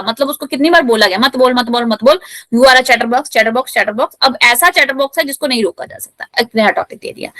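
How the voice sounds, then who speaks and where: Bright high-voiced woman teacher. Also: no echo. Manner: mixes Hindi and English, reads lines slowly then explains; lively, acts out the story's voices. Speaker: English teacher. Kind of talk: explaining a textbook lesson.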